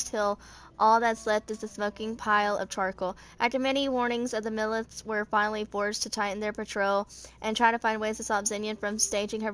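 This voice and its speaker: A woman in her twenties hosts a gaming channel, reading character stories aloud and dropping casual asides. Her voice is medium-pitched and a bit bright, and she trips over words and rereads them.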